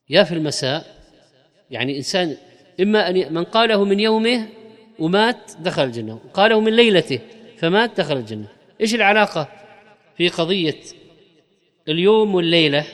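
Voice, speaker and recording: A man giving a religious lesson, explaining slowly and stretching key words for emphasis. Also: sits high, in a large hall. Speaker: religious teacher.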